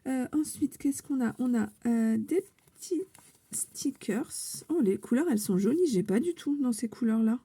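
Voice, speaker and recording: A woman's voice: fairly high pitch, expressive, normal speed, slightly rough. A woman in a casual scrapbooking unboxing chat, hesitant with many fillers, sometimes dropping to a whisper. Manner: chatty, hesitant, with many fillers and soft asides; drops to a whisper now and then. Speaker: scrapbooking vlogger opening a contest entry.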